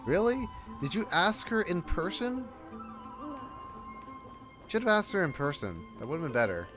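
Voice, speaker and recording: This game streamer has a high-sitting voice with wildly swooping pitch and a moderate pace. With game music behind him, he chats informally, reacts casually, reads text out loud, and cuts himself off mid-thought.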